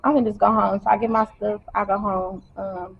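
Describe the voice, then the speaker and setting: Fairly quick and level in tone, a woman's gravelly, medium-pitched voice recounts her own story to camera. She stays casual and direct while emotionally holding back tears, in dull lo-fi audio with slight background noise.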